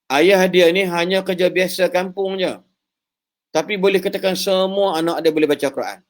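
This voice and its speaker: Animated man preaching, high voice. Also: moderate pace. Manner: animated, mixes in joking English, chants recitations. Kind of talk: religious talk on a live call.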